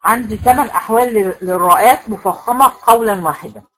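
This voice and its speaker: A woman's voice: medium pitch, fast, a bit bright, poor audio. A woman with an Egyptian accent teaching a recitation class to women students, explaining rules step by step and asking the class questions that she answers herself. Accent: Egyptian Arabic. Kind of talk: classroom lecture.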